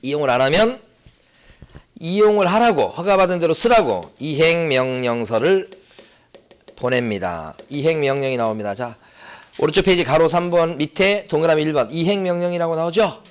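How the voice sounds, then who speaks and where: A middle-aged man lecturing for an exam prep class, his voice set fairly high and swinging widely in pitch. He keeps asking rhetorical questions and repeats key points for emphasis. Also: normal speed. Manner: lively, rhetorical questions and repetition.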